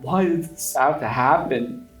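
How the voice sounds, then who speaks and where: A man's voice: medium pitch, slow pace, soft background music. A man voicing a distraught young woman investigator who stammers and blames herself. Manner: stammering, panicked, self-blaming. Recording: roomy echo, distant mic.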